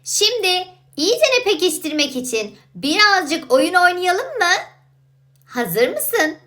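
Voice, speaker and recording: A woman giving a children's alphabet lesson, sounding out letters slowly and thinking aloud in a playful, coaxing way. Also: extremely high pitch, expressive, bright, forceful tone. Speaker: Quran alphabet teacher.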